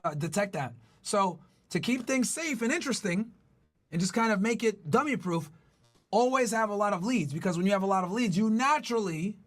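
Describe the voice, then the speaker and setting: A man with a very high-pitched voice lectures his podcast listeners. He talks bluntly and curses freely, hammering home each point. Faint music plays under him. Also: a bit bright. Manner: blunt, profane, emphatic lecturing. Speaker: podcast host. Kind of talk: podcast monologue giving dating advice.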